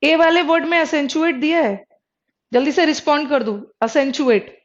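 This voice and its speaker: A woman's voice: high voice, moderate pace. A woman teaching English vocabulary in a live online class, explaining in mixed Hindi and English, repeating words and checking with her students. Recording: dull lo-fi sound.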